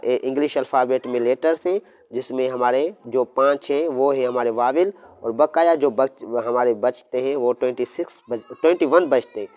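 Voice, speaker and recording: A man's voice: mid-range voice, a little mellow. A man teaching a lesson with speech, explaining step by step and answering his own questions. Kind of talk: classroom lesson. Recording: dull lo-fi audio.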